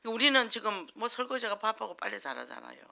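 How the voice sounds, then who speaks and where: A woman pastor preaching in a loose, conversational way to a church congregation. Her voice is bright and forceful and swings widely up and down, and she drops into quick acted-out quotes and frequent laughter. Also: medium pitch, very animated, gravelly. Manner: chatty, acts out quotes, laughs often. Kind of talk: conversational sermon.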